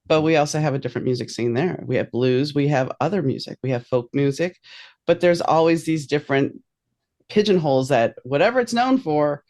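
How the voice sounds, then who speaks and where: A woman's voice: low-pitched, a little fast, a little mellow. A woman from New Orleans hosting an interview, chatty and asking long, winding questions. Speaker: podcast host. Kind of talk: casual interview chat.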